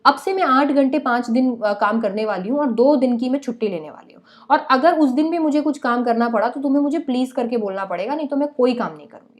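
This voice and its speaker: A woman's voice: sits high, fast talker, hardly any pauses, close to an everyday voice. A woman voicing a blunt, scornful middle-aged mother who scolds her family sarcastically.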